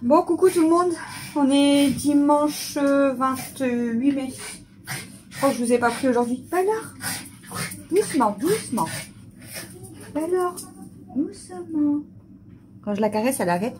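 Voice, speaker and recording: A woman's voice: on the high side, normal speed, darkish tone, a little hiss or hum. A woman vlogging casually at home, chatting through her shopping and cooing at her pets in a sing-song voice. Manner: chatty, unboxing and listing items aloud. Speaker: family vlogger. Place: at home indoors.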